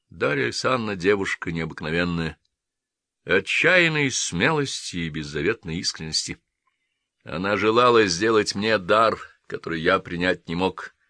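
A man's voice: low voice, no echo, full character voice. A man voicing a composed officer who speaks coldly and steadily in an audiobook. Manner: cold and steady. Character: calm, composed male officer, quietly happy.

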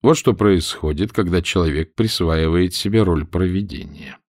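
A man playing a cold, calm pirate captain who speaks with mocking irony. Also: sits low, normal speed, dry recording, clean studio sound. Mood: bitter.

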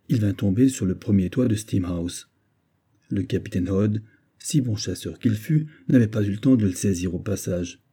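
A man narrating a classic adventure novel as an audiobook, in a measured, steady reading. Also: lowish voice, slightly rough. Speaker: audiobook reader.

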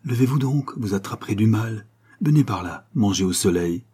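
A man reading aloud and voicing a kind, plain-spoken old nursemaid in a storybook, gently and matter-of-factly. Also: fairly low pitch, animated, normal speed, slightly rough. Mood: gentle.

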